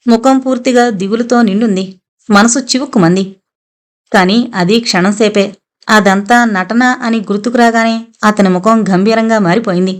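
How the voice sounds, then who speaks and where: Woman narrator, scripted novel reading, steady even storytelling. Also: on the high side, moderate pace. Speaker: audiobook narrator.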